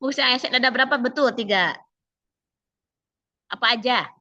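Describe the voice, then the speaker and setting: A woman instructor coaching an online class, slightly hoarse, chatty, and quizzing students by name. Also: on the high side, normal speed, pushed and bright, no room sound, lo-fi sound. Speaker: civil service training instructor.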